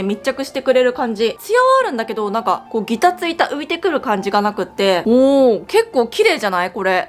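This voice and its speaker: A woman from Japan chatting casually as a beauty vlogger while she does her makeup, telling stories in an animated way. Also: fairly high pitch.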